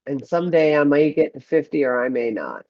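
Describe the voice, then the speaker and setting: A woman's voice: sits low, very animated, brisk. A woman streaming a mobile game at home, chatting casually and giving a running commentary on her rewards. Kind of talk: casual chat while playing. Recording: muffled lo-fi.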